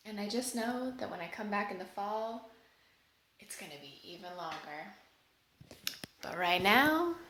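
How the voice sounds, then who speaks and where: This young adult woman from Washington State vlogs in a relaxed, frank way, making self-deprecating asides to the camera as a Pacific Northwest local. Her voice is medium-pitched, with slight background noise.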